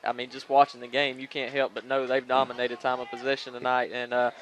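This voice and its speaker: A man giving color commentary on a local radio football broadcast from the press box, laid-back and steady, chuckling now and then. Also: mid-range voice, fast, low-quality recording.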